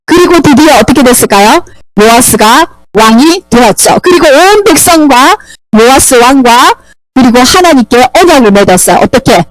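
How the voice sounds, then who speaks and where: A woman's voice: high-pitched, expressive, normal speed, no echo, low-quality recording. A woman teaching Sunday school, animatedly telling a Bible story and quizzing the children.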